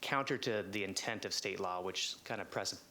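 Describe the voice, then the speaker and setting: American guy doing polite public comment, low voice, lots of ums, noisy recording. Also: pushed and bright. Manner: halting, filler-heavy, polite. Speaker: housing coalition representative giving public comment. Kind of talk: semi-formal public comment.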